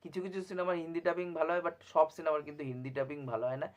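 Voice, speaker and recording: A man talking through a movie review in a casual, animated way, often mocking and restarting his words. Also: on the high side, very fast, dull audio.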